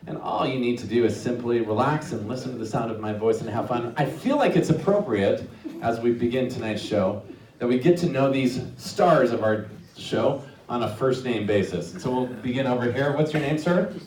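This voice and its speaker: A man hosting a live stage hypnosis show, giving commanding, repetitive instructions with drawn-out phrases. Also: medium pitch, expressive, a little mellow, far from the mic. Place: live show venue with audience. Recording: echoey live stage, crowd noise.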